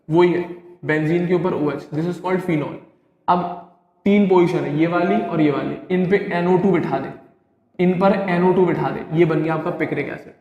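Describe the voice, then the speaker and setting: A male chemistry teacher, lecturing an online class. He keeps asking students if things are clear and answers his own questions. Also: high voice, darkish tone, dull audio. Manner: drilling, asks questions and answers them himself. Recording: very echoey classroom with long reverb.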